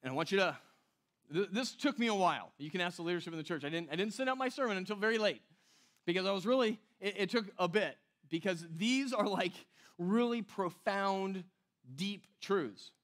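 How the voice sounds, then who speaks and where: The voice sits high, brisk and a bit bright: a middle-aged pastor teaching his congregation conversationally. He keeps interrupting himself, addresses listeners directly with rhetorical questions, and whistles slightly on s.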